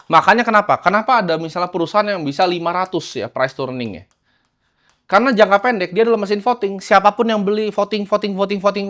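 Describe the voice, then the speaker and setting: Man, fairly high voice, casual investing teacher, chops lines into short bursts. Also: a bit bright. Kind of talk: casual lecture over slides.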